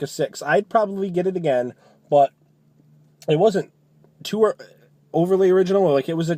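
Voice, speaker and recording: A man's voice: fairly high pitch, dark tone, no room sound. A man giving a casual, chatty food review, talking loosely and often rephrasing as he goes.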